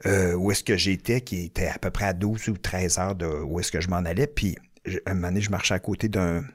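Speaking in a Québécois accent, a man with a low voice tells a story at a brisk clip during casual chat. He acts it out with animation and swears often.

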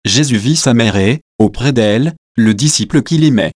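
Brief: male narrator, measured solemn scripture reading, dry close sound. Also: medium pitch, dry recording. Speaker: reader.

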